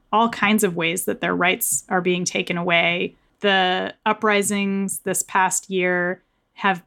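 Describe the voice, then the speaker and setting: With a fairly low, slightly bright and clean voice, this American woman answers as an interviewed author. She's earnest and thoughtful, keeping things conversational and leaning often on "like" and "you know."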